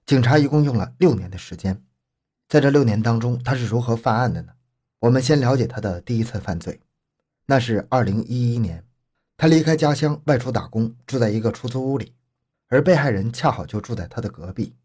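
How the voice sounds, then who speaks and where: Guy narrating a true crime story, husky voice, slow and grave. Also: mid-range voice, a little mellow.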